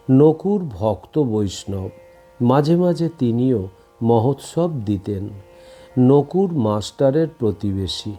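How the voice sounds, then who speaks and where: A man reading a devotional scripture aloud in a slow, measured recitation. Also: medium pitch, dark tone. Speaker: scripture reader.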